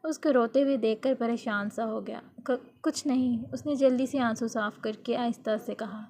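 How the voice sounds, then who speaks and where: A woman's voice: on the high side, steady tone, a little mellow. Woman reading a romance novel aloud. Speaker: novel narrator.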